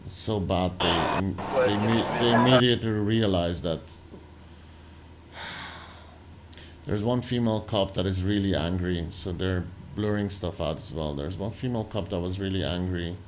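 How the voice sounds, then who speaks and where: A man hosting a reaction video, talking loosely and haltingly over footage he is watching. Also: deep voice, a little hiss or hum. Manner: loose, halting, full of "like" and restarts. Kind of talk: casual commentary over footage.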